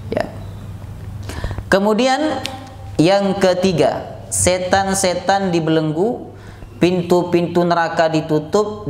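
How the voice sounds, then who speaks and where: A man's voice: fairly high pitch, a little mellow, roomy sound. A man preaching an Islamic sermon, emphatic, repeating key words and answering his own questions.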